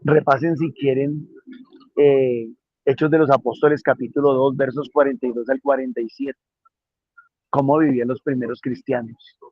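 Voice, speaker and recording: A man's voice: mid-range voice, steady tone, normal speed, no echo, muffled recording. Earnest man preaching a homily. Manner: earnest, repeats phrases for emphasis. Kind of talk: homily on the day's readings.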